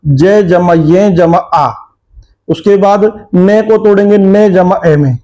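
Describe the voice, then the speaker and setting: A man teaching a school language lesson, explaining a textbook lesson and spelling words out letter by letter in a slow, methodical way. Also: high voice, warm tone, low-quality recording.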